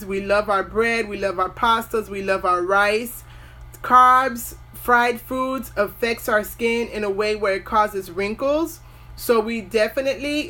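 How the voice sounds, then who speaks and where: This skincare host, a woman in her forties, has a medium-pitched voice that is a bit bright. Talking informally to the camera, she offers sincere motivational advice and now and then slips into tangents.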